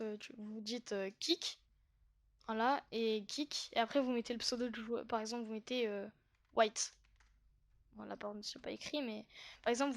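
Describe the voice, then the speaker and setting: Woman gamer for a casual commentary read: high voice, giggly, hesitant fillers. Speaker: gaming YouTuber.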